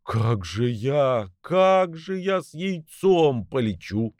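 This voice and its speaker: A man's voice: medium pitch, takes it slowly, vocal fry, a little mellow, clear, resonant tone, no room sound, clean studio sound, voice pushed up. A man voicing a fretful, complaining old mother goose in a storybook reading. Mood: tearful. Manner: plaintive, complaining.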